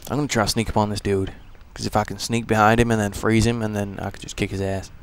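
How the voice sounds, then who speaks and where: A man giving casual, profane commentary while playing a video game, joking and talking back to enemies, moving between low mumbles and loud outbursts. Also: level tone, fast talker, smooth. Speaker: gamer doing a walkthrough.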